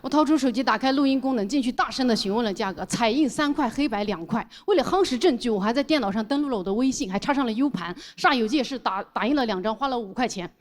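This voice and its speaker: A woman comedian telling a stand-up story in an animated, exclamatory way on a stage mic. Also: a little high, fast, few pauses.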